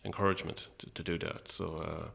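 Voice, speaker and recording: A man with an Irish midlands accent talking casually and a little hesitantly as an interview guest, in a low-key, wry way. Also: level tone, a little fast, gravelly, pushed and bright, breathy edge. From Longford, Irish midlands.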